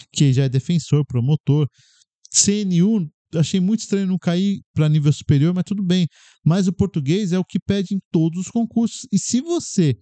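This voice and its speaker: A man's voice: fairly high pitch, warm tone, no room sound. A man from Brazil hosting a podcast, talking casually and animatedly to viewers with many rhetorical questions. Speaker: podcast host. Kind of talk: casual talk to camera about exam study.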